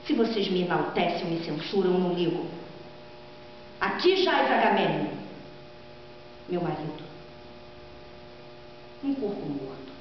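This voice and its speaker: A woman's voice: on the low side, lively intonation. A woman plays a proud, vengeful queen of Greek tragedy. She declaims with theatrical emphasis, defiant and gloating. The sound is very reverberant and muffled, with a faint hum. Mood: defiant, indignant. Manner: theatrical, declamatory, emphatic dramatic reading with drawn-out phrases. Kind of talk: dramatic stage reading of Greek tragedy. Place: large classroom or lecture room, indoors. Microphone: far camera microphone. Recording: echoey hall from afar, dull sound, mains hum.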